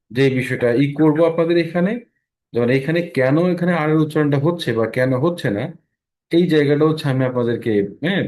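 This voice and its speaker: A man with a Bangladeshi accent teaching English pronunciation in an online lesson, slowly explaining rules and repeating example words. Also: medium pitch.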